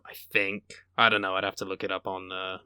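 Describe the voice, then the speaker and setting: A man's voice: low-pitched, completely flat delivery, fairly quick, pushed and bright, clear, resonant tone, no echo, studio quality. A man co-hosting a podcast, bantering casually with sarcastic, mock-dramatic rants and plenty of swearing. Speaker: podcast co-host.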